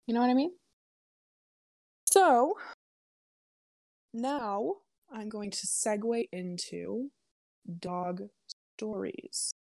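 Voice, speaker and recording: A woman's voice: on the high side, drawn-out words, vocal fry, pauses often, darkish tone, dry recording, clean studio sound. A woman in her twenties telling a story in a casual, chatty way, full of "like" and "um" and freely swearing. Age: 20s. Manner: chatty, filler-heavy, lots of "like" and "um".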